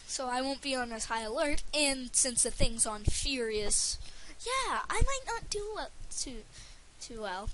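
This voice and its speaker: A woman's voice: fairly high pitch, rough recording. A woman giving casual gameplay commentary for a let's play, rambling and stumbling over her words with lots of fillers. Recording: faint hiss under the voice.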